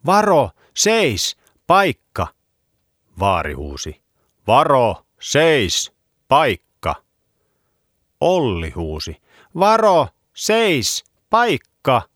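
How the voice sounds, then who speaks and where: A man reading a children's book aloud with expressive storytelling. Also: deep voice, no room sound, studio quality. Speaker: narrator.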